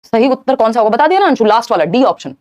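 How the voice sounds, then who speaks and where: Female tutor, live online lesson, rapid explanatory delivery, slightly high voice. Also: sing-song, a little mellow, lo-fi sound. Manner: brisk, explanatory, talks to chat viewers. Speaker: teacher.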